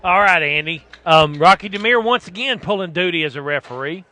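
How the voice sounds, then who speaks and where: A man's voice: high voice, animated, brisk, pushed and bright, slight background noise. A man giving conversational analysis as color commentator at a live fight.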